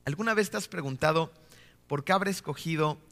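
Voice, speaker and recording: A man in his thirties, a pastor, preaching a sermon full of rhetorical questions and often slowing down to stress his key points. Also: a little high, a bit bright, in a large hall. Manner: rhetorical questions with frequent tag "¿no?".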